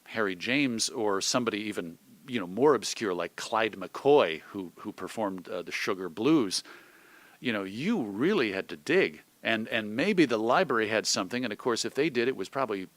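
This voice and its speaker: This interview guest, a middle-aged American old-time radio host, has a lowish, somewhat bright voice, captured on a dry recording. Animated at a moderate pace, he talks casually and reflectively, musing aloud in a discursive, thoughtful way and backing his points with examples and made-up quotes.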